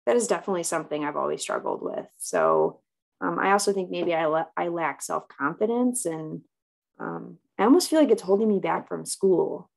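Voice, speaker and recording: A woman with pronounced vocal fry and a slightly low pitch talks as a therapy client in a role-play. She is hesitant and self-doubting, feeling her way through her answers in a conversational style. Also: big pitch swings, normal speed.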